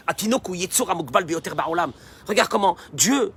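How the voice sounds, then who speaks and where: A rabbi preaches in a lively, animated voice that sits high and leaps up and down. His tone is bright and forceful as he talks straight to his listeners, with faint noise in the background. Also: fairly quick, breathy edge. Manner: animated, emphatic, addressing listeners directly. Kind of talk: sermon.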